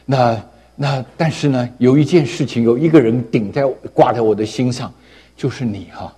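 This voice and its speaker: Dying old man, remorseful and breathless, soft husky delivery, voiced by a male preacher. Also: mid-range voice, long reverb tail, pitched below the performer's own voice, lightly acted. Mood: weak, remorseful. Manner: hushed, halting, breathless.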